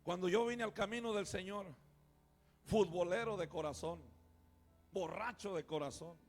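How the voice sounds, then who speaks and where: A male pastor preaching a sermon, calling out to the congregation and swinging from quiet asides to shouting. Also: sits high, normal speed. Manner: calls out to the congregation, often says "hermano".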